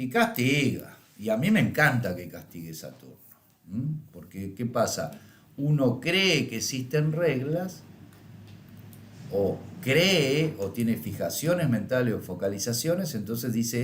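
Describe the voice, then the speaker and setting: A man's voice: on the low side, echoey room. A middle-aged man with a Rioplatense Spanish accent, teaching an astrology course through anecdotes and often checking in with a questioning "¿m?". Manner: tags lines with questioning "¿m?" and "¿eh?". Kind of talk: lecture with anecdotes.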